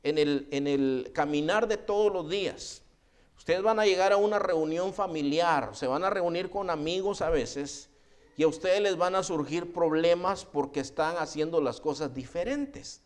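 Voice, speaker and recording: A middle-aged man preaching a sermon as pastor, animated and often calling listeners "hermano". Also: normal speed. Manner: acts out quoted voices with rising pitch.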